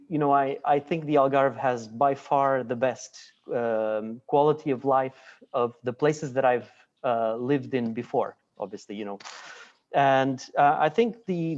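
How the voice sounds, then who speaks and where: A man raised in Portugal speaking on a webinar panel, measured and reflective. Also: medium pitch, a little mellow, dull audio. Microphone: video call.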